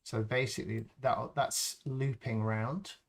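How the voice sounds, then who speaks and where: Male host, mid-pitched, slow and gravelly, talks through an unscripted tutorial as he works. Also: steady tone. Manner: slow, thinking aloud as he works, with frequent ums. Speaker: live stream host demonstrating sound design.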